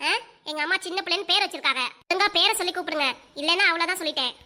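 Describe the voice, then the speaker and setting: A performer voicing a sharp-tongued young wife who talks back to her mother-in-law in a cartoon. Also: very high voice, very fast, full character voice. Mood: defiant. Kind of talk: cartoon voice acting.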